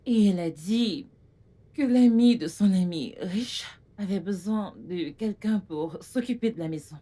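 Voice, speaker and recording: A woman's voice: mid-range voice, lively intonation, measured pace, mellow. A woman dubbing a film role: a friendly, encouraging young woman chatting with her best friend. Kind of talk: dubbed film acting.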